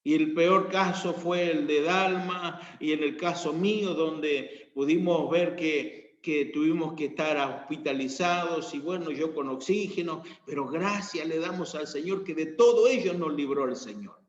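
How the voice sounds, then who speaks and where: A man with an Argentine accent preaching a sermon, rising to emphatic peaks and then dropping low. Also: unhurried, few pauses. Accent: Argentine Spanish. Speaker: pastor. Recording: echoey church room, dull lo-fi sound.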